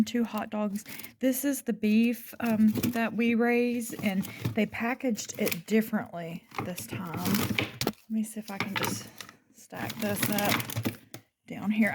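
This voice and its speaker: Woman, home vlogger, casual chatty delivery, clear household noise and crinkling behind. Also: mid-range voice. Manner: chatty, nervous whispering in the basement. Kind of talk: casual vlog chat. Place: home, moving around indoors and outdoors.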